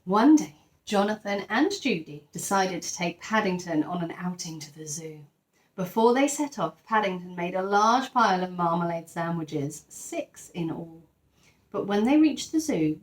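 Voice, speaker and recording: A woman with a fairly low, animated voice reads a storybook aloud to young children at a moderate pace. She's a teacher giving an expressive read-aloud, breaking off now and then for chatty asides to her listeners.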